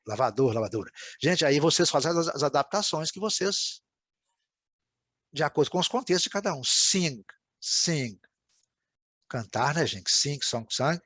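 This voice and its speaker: A man gives a recorded English lesson, explaining each word patiently and often asking his students if they follow. His voice sits a little high. The sound is close and dry, with no room echo. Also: a bit bright, slightly rough. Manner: explanatory, repeats words and checks with "né, gente?". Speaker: English teacher.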